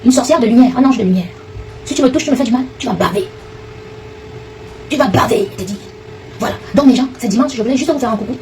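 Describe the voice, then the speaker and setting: Heated woman commentator, rapid delivery, slightly distant mic. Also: a little high, very noisy. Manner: fast, confrontational, addresses a rival directly. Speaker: online commentator. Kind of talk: heated direct-to-camera rant.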